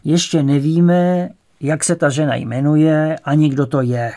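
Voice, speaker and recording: A man's voice: a little high, fairly even intonation, mellow, natural voice. A man voicing a nervous but formal police sergeant speaking in a ceremonious, earnest way in an audiobook.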